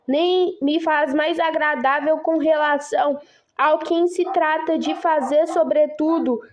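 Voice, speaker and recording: A woman reading the words of a devout, tender old queen near death, in her own gentle voice. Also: high-pitched, lo-fi sound, a little hiss or hum.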